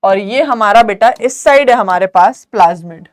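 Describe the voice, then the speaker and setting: A young woman teaching biology in a live online class, mixing English terms into Hindi, quizzing students and asking whether it is clear. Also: mid-range voice, animated, measured pace. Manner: calls students "beta", quizzes them, asks if it's clear.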